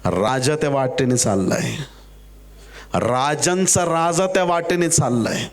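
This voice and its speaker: A man preaching a sermon, acting out the characters in his stories with jokey asides and building to loud exhortation. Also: mid-range voice, expressive, slow. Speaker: pastor.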